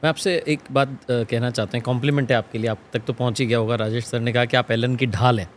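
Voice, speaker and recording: A male interview host with a mid-pitched voice asks long, careful questions. He keeps up attentive murmurs of agreement, and a faint noise sits behind him. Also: fairly even intonation, quick pace. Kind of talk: interview conversation.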